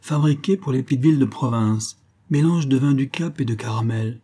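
A man's voice: medium pitch, moderate pace, mellow, slightly rough, pitched above the performer's own voice, close to an everyday voice. A man reading aloud and voicing a cheerful, scheming male rogue in a mocking, wheedling manner.

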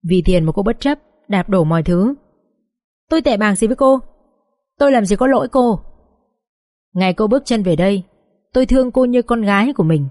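A woman's voice: mid-range voice, animated, brisk, long pauses, darkish tone, dry recording, clean studio sound, lightly acted. A woman voicing an older mother-in-law in an audiobook, betrayed and grieving, reproaching through choked tears. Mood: tearful reproach. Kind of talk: audiobook character voice.

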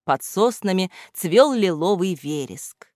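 A woman narrating a children's storybook in a measured, expressive way. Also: lowish voice, dry recording, studio quality. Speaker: audiobook narrator.

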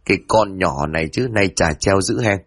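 A man's voice: deep voice, normal speed, soft background music. Man doing a scolding older household woman. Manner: scolding, grumbling.

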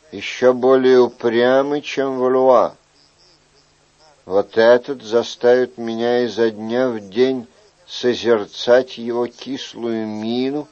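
Casting: a man doing a weary, wry king, low and unhurried, muffled recording. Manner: soft, measured, wry. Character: weary, wry middle-aged male king.

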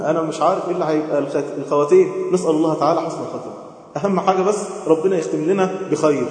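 Male Egyptian preacher, high-pitched and emotive, heavy reverb from a big hall. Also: very fast. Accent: Egyptian Arabic. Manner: emotive, swings between loud chanting and soft pleading. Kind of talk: sermon. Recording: booming echo with long hall reverb.

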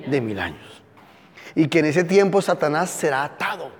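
A man with a notably high speaking voice leads a teaching sermon, poking fun at the story as he tells it. He calls on listeners by name, and his voice rings out with a long reverb across a large hall. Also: sing-song, moderate pace. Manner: sarcastic, playful, quizzes listeners by name. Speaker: pastor.

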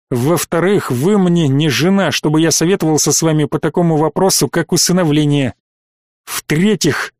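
Stern, weary colonel on a warship, clipped commands, read by a man, slightly high voice, dry. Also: dry recording, natural voice. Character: stern weary middle-aged male space colonel.

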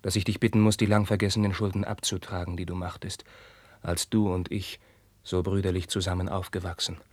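An actor playing an anguished young prince, declaiming verse in a 1950s radio drama and swinging from hushed whispers to outbursts. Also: male voice, deep voice, level tone, fairly quick, no echo. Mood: brooding. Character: young anguished prince, passionate, tormented by forbidden love.

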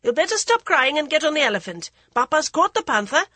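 Bossy boy prince, high, urgent and loud, voiced by a woman narrator. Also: big pitch swings, a little fast, dry recording, heavily acted. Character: bossy older brother prince, young boy.

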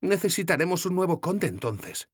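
A man's voice: sits high, very animated, moderate pace, slightly rough, no echo, clean studio sound, voice pushed up, heavily acted. A man voicing a spirited young village woman in an audiobook, speaking earnestly and boldly. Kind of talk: audiobook character voice.

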